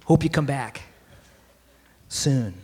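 A man hosting a casual live radio interview, relaxed and laughing easily. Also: mid-range voice, takes it slowly, husky.

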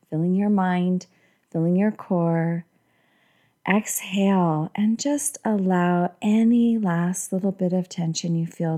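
A woman leading a guided breathing meditation in a calm, meditative, soothing tone. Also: fairly low pitch. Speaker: podcast host and guided meditation leader.

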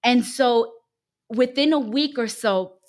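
A woman from Puerto Rico giving an animated personal faith testimony as a guest, speaking from her home over a video call and acting out the words of people in her story. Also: a little high, slow pace. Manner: animated, emphatic storytelling, acting out quoted speech. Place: her home, dining room.

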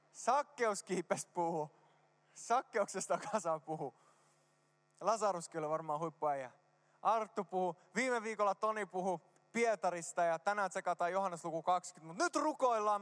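A man's voice: high-pitched, a bit bright. A man preaching a casual, joking sermon in a church, mixing slang with prayer. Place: church hall. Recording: reverberant hall.

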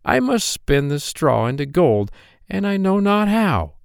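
A man voicing a frightened young miller's daughter, high and pleading. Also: sing-song, a little slow, creaky, clean tone, no echo, studio quality, heavily acted.

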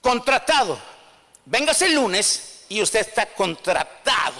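A man's voice: very high-pitched, very animated, slow pace, fairly bright tone, big-room sound, heavily acted. A man voicing an insistent male company manager who questions firmly.

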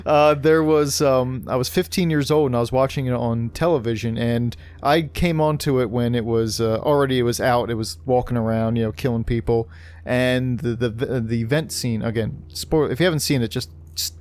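A man's voice: mid-range voice, fairly even intonation, moderate pace, a little mellow, clear, resonant tone. A man hosting a casual podcast, rambling through filler words and joking at his own expense. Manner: rambling, filler-heavy, self-mocking. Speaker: podcast host.

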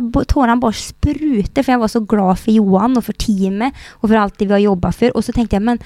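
A middle-aged woman, a racing team manager talking as a guest, who tells her story lively and acts out what people said, with many hesitations. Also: medium pitch, no room sound. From Sweden. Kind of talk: casual interview conversation.

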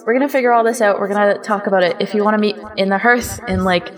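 A woman voicing a nervous young woman who speaks to her village in a magically amplified, booming voice, hesitant and full of ums. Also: steady tone, fast talker. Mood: nervous, earnest. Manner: hesitant, with ums and a rising, strained pitch. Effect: magically amplified, booming loud voice. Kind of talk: in-character tabletop roleplay.

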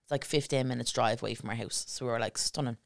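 A woman's voice: extremely low pitch, racing, creaky, dry recording, studio quality. A woman co-hosting a podcast, telling a story in casual chat and acting out what everyone said, with the odd swear. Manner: animated storyteller acting out quotes, swears freely. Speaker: podcast co-host.

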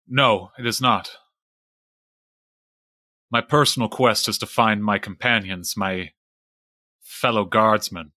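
A man playing an earnest guardsman in a tabletop fantasy game, speaking formally, deliberately and courteously. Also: fairly low pitch, fairly even intonation, sharp tone, no echo, clean studio sound. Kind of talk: in-character tabletop role-play.

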